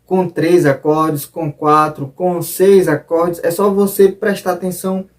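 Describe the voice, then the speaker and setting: A man's voice: a little high, level tone, measured pace. A man teaching guitar step by step in an online lesson, now and then singing short examples. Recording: soft guitar behind the voice.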